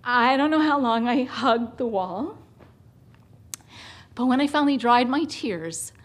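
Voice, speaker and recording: Woman storyteller, high voice, unhurried, dramatic and emotive delivery. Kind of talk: live personal storytelling.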